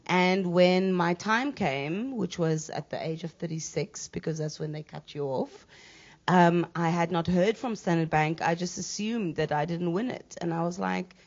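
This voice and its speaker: Thirties woman panelist, frank and unguarded, a touch low-pitched, muffled recording. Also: measured pace, a little mellow. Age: 30s. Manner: candid, laughs after serious points. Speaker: panel guest artist. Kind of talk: panel discussion answer.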